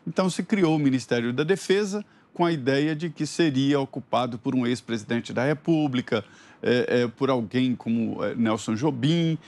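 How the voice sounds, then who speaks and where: A man giving political commentary in a measured, explanatory way, with hesitant fillers. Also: mid-range voice, a little mellow.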